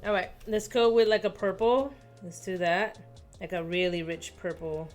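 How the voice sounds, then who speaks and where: A woman's voice: medium pitch, steady tone, moderate pace, soft background music. A young woman talking herself through a digital drawing, muttering and poking fun at her own work. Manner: self-deprecating, muttering to herself. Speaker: artist. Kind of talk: casual art-process commentary.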